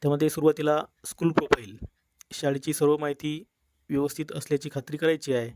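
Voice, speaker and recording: A man narrating a step-by-step software tutorial in a plain instructional manner. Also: on the high side, steady tone, quick pace. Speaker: tutorial presenter. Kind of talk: screen-recorded software tutorial.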